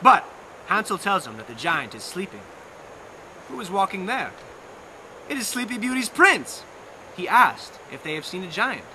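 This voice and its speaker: In a noisy outdoor amateur recording made on a lawn, a young male narrator performs a bedtime story theatrically. His high voice is sing-song and sharp in tone, and he stretches and repeats phrases in a dramatic, playful way.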